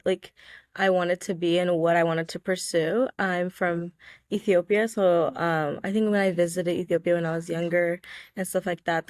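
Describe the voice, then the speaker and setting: This young adult student from Georgia, United States, is an interview guest who chats loosely, leaning heavily on "like" and "um." Her voice is on the low side, and the clean studio sound has no room sound.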